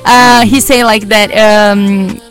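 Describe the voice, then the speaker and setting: A woman's voice: mid-range voice, steady tone, slow pace, faint music behind. A woman from Brazil with a Brazilian Portuguese accent, a guest in a live studio interview who speaks chatty, hopeful English with restarts.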